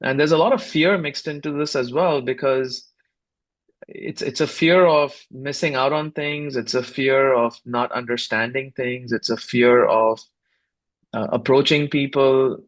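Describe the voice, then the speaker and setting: A man in his fifties who grew up in India, a founder answering podcast questions in a reflective, measured way with frequent fillers and restarts. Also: mid-range voice, steady tone. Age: 50s. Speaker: guest, startup founder. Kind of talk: casual podcast interview.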